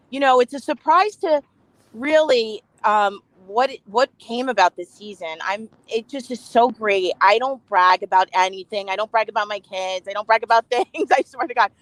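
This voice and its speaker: Joining by remote video call on a poor connection, this reality TV cast member chats as a guest in a casual interview, speaking emphatically and laughing a lot. Her voice is on the high side and a bit bright, moving at a normal speed. The audio is poor, with no room sound.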